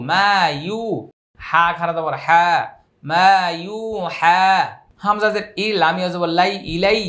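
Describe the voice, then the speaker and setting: A man from Bangladesh teaching Quran reading with a Bangladeshi accent, spelling each word letter by letter and then chanting it in long drawn-out recitation. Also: on the high side, sharp tone. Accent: Bangladeshi Bengali. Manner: slow drawn-out chanted recitation between brisk spelling drills.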